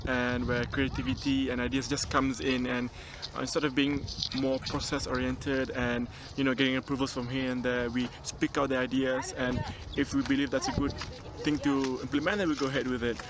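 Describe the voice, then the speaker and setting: Young man chatting outdoors, noisy. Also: medium pitch. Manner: relaxed, chatty, frequent ums and restarts. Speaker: job applicant. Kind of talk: self-recorded video cover letter. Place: outdoors on a mountain top. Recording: outdoor recording with clear background noise.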